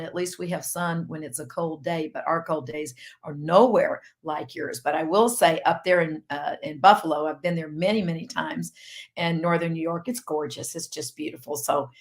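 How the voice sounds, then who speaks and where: A woman's voice: sits low, steady tone, moderate pace. A middle-aged woman physician with a Southern US accent, hosting a live online health session in a chatty, rambling way. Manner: chatty, rambling, laughs easily. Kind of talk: casual live-stream chat.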